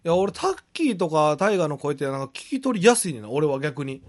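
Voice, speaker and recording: A man's voice: a little high, big pitch swings, fast talker. A man in his forties with a Kansai accent, co-hosting a casual chat show, laid-back and laughing often. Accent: Kansai Japanese. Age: 40s. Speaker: radio show co-host.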